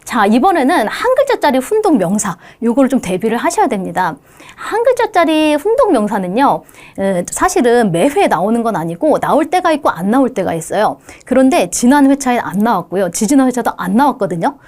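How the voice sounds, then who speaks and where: Female instructor, exam-prep lecture; fairly high voice, swoops a lot, coaxing and engaging. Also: brisk. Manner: lively, coaxing, checks in with "그쵸?". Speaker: Japanese language instructor.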